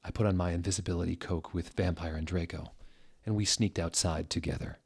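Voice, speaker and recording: A man narrating fan fiction as a theatrical dramatic reading, with deliberate, mocking delivery. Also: sits low, steady tone, creaky, darkish tone, slightly rough.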